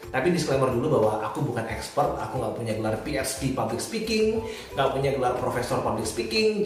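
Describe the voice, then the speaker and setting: A young man, a wedding MC, chatting casually to camera while sharing public speaking tips, lively and repeating phrases for emphasis. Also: medium pitch. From Bali, Indonesia. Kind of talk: casual vlog talk to camera. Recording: echoey room, voice a bit distant from mic.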